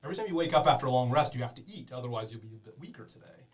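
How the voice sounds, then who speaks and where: A man's voice: medium pitch, expressive, very fast, far from the mic. A man narrating a tabletop game as game master, explaining rules to beginners in a chatty way with many fillers.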